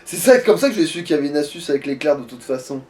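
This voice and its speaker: A man's voice: fairly high pitch, big pitch swings, racing, mellow. A man hosting a casual let's-play, chatting crudely and swearing as he plays. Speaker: gaming video host, playing. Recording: faint background noise.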